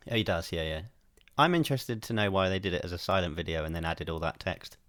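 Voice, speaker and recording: Deep-voiced wry man. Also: quick pace, fairly bright tone, no room sound, clean studio sound. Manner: wry, questioning, often laughing. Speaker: podcast co-host. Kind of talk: casual chat.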